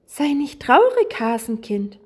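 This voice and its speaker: A woman voicing a gentle female rainbow spirit with a soft, lilting, kind manner. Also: a little high, very animated, measured pace, husky, full character voice.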